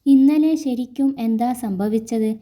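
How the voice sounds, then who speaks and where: Gruff young drinker, read by a woman storyteller, rough-spoken but kind, mellow tone. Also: on the high side, a little slow, natural voice. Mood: gentle. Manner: blunt and rough, turning gentle.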